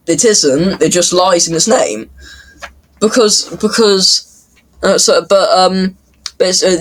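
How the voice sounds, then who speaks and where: A man giving casual off-the-cuff commentary in a halting way, stammering and repeating words. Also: sits high, fairly bright tone, rough recording. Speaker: reaction commentator.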